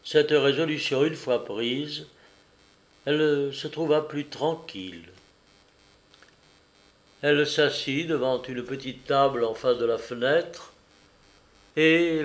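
A man narrating a classic novel in a measured, expressive storytelling manner. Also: mid-range voice.

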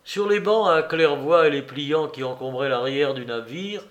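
A man reading a classic novel aloud as an audiobook narrator in a measured, literary way. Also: fairly high pitch, lo-fi sound.

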